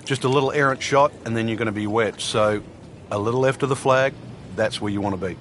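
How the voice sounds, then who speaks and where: Acting as a golf commentator, a man walks through the course in a conversational analyst's style. His natural voice is medium-pitched, a little fast and a bit bright, with a faint golf crowd and outdoor ambience behind him.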